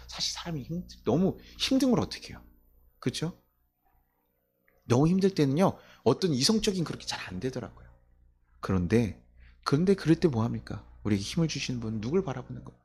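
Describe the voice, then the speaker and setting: Lively, animated male pastor preaching. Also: medium pitch, husky. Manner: conversational, full of rhetorical questions; lively, chuckles at his own stories. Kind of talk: sermon. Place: church.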